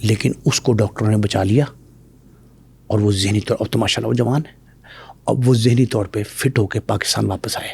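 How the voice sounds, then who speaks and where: A middle-aged man speaking as a guest on a talk show, telling stories in a lively way and acting out the voices he quotes. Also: fairly low pitch, vocal fry, slightly rough. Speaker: guest expert. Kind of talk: animated talk-show storytelling.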